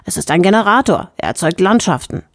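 A woman's voice: lowish voice, sing-song, fairly quick, no room sound, clean studio sound. Woman doing a grumbling, burly male prospector. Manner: grumbling, reluctant. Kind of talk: audiobook character voice.

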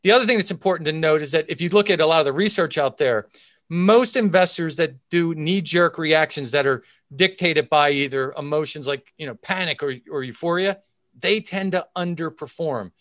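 Male expert guest, fairly high voice, methodical and emphatic explainer, close dry sound. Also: normal speed, a bit bright, no echo. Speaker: chief investment officer, interview guest. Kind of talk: expert market commentary in interview.

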